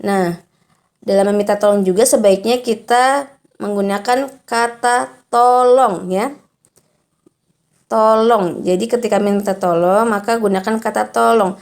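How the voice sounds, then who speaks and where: A woman teacher giving a recorded lesson to young children, explaining slowly and patiently and reading example sentences with exaggerated intonation. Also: medium pitch, fairly even intonation, a little mellow.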